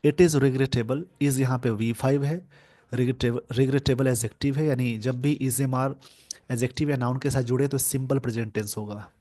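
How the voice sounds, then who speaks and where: A man's voice: mid-range voice, steady tone, mellow, dry recording. Guy teaching off a newspaper, plain middle voice, dry sound, goes word by word. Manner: explains word by word, reads English phrases slowly. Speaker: English teacher. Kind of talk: newspaper editorial lesson.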